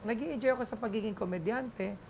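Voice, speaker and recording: Filipino-accented male comedian guest, chatty and animated, light background noise. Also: high-pitched, a little fast, gravelly. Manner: animated joke-telling, mixes English into Filipino, laughs often. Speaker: lawyer and stand-up comedian guest. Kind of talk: casual interview storytelling.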